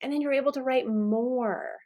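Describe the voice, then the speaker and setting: A middle-aged woman teaching songwriting in a relaxed, chatty way, encouraging and laughing at herself. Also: high-pitched, moderate pace. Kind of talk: relaxed instructional talk to camera.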